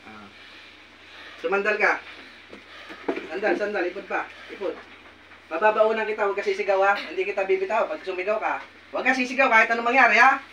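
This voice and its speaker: A man leads a folk healing ritual. He barks stern orders and repeated demands, then drops to low, confiding asides. Faint noise hangs under the recording. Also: brisk, long pauses. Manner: stern and commanding, scolding with repeated "ha?"; loud, forceful voice that drops to quiet asides. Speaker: folk healer. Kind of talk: spontaneous healing ritual, addressing a patient and viewers.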